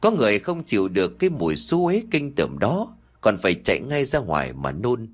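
A man's voice: fairly low pitch, fairly quick. A man narrating a scripted horror folk tale, telling it expressively and voicing the dialogue. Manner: lively, expressive storytelling with acted dialogue. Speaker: storyteller.

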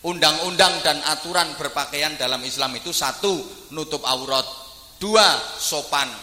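This humorous sermon comes from a man whose voice is high and piercingly bright, alternating playful joking with loud, fervent declamation at an unhurried pace. Long reverb carries his speech across a large hall, and faint room ambience lingers behind it.

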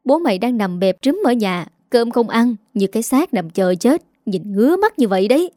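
Woman doing an older mother figure, tearful, shrill, complaining, audiobook drama, warm, dry. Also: expressive, normal speed, no room sound, close to an everyday voice. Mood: bitter. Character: aging village mother, aggrieved, tearful and shrill.

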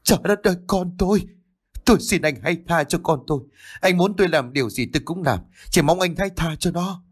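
A man's voice: on the high side, a little slow, slightly rough, voice pushed up. A man voicing a desperate young mother who sobs and pleads, in a spoken ghost story. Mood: wailing plea. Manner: pleading, sobbing.

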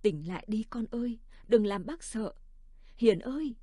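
A woman voicing an old village woman, a gentle mother figure, pleading softly through tears in a storybook reading. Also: fairly high pitch, expressive, moderate pace, no room sound, clean studio sound. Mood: tearful.

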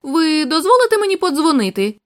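A woman's voice: high-pitched, big pitch swings, brisk, fairly bright tone, pitched above the performer's own voice. Scheming countess, read by a woman. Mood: cool. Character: cool, scheming adult countess.

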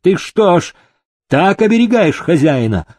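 A male reader voicing an excitable, gleeful rich old factory owner who shouts and eggs on a fight, in a storybook reading. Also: medium pitch, no room sound, studio quality. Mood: imperious. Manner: shouting, egging on, drawn-out delivery.

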